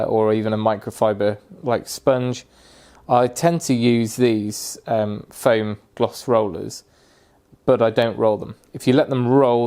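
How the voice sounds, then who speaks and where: A man casually narrating a woodworking restoration project in a kitchen, talking through his steps in a relaxed, practical way with frequent pauses and fillers. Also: mid-range voice.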